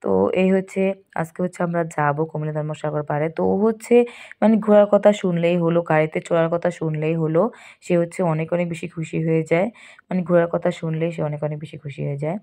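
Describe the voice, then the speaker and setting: A young mother narrates her family outing over the footage, her voice hoarse from a cold and sitting low. She rambles casually and keeps circling back to the same filler word as she talks. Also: fairly even intonation, quick pace, warm tone.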